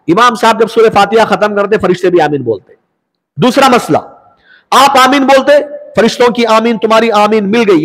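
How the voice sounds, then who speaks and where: A man's voice: high voice, fairly bright tone, big-room sound. A man teaching a religious lesson, explaining prayer rules and putting questions to his listeners before answering them himself. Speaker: Islamic teacher.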